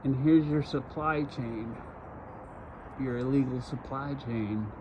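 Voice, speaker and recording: A man from Arizona delivers a slow, emphatic outdoor vlog and hammers his points through repetition. The recording is dull and lo-fi, with loud traffic and outdoor noise behind him. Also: mid-range voice. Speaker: vlogger.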